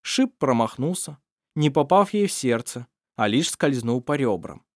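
An audiobook narrator, male, reads scripted narration in a steady, measured storytelling style. His pitch is medium, and the recording is dry and studio-clean.

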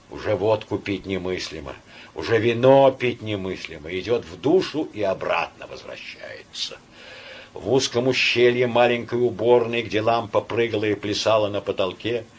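Husky man reading a novel aloud. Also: fairly low pitch. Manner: dramatic, varied reading. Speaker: audiobook narrator.

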